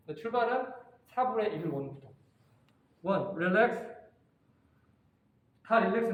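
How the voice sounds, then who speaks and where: Male workshop instructor, high voice, directive coaching style, echoey room recording. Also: phone-quality sound. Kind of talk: hands-on workshop demonstration. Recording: very echoey room, faint room noise.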